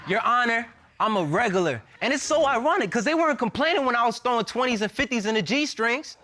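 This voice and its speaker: A man's voice: very high voice, lively intonation, quick pace, bright, forceful tone. A man giving testimony as a TV court plaintiff, complaining and justifying himself.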